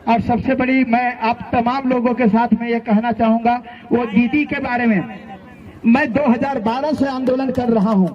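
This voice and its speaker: A man with a Jharkhand accent and a very high, steady voice addresses students directly as their leader in a colloquial, impassioned political speech at normal speed. The recording is muffled, with a loud crowd at a noisy outdoor rally behind him.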